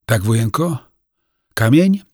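A man's voice: fairly low pitch, animated, normal speed, vocal fry, dark tone, slightly rough, dry recording, clean studio sound, full character voice. A man doing a blunt, impatient young villager.

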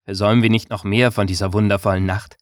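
A man's voice: fairly low pitch, level tone, fast talker, no echo, clean studio sound, close to an everyday voice. A male narrator voicing a bold, playful young village woman in an audiobook. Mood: teasing. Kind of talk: audiobook character reading.

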